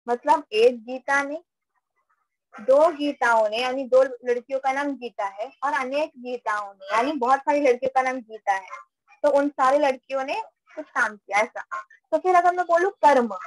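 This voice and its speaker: High-voiced woman teaching patiently. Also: fairly bright tone, no room sound, poor audio. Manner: patient, repeats and checks understanding. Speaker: Sanskrit teacher. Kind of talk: live online class teaching.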